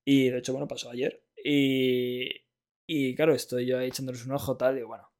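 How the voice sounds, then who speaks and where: A man's voice: mid-range voice, flat delivery, brisk, darkish tone. A young man, co-hosting a podcast in casual chat and telling joking stories full of slang and swearing. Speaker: podcast co-host.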